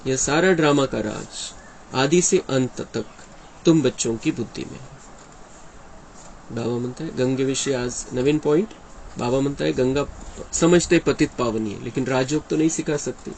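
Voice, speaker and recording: A man's voice: mid-range voice, moderate pace, gravelly, darkish tone, slight background noise, low-quality recording. A man giving an earnest devotional discourse, explaining and often quoting his teacher. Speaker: spiritual speaker explaining a daily discourse.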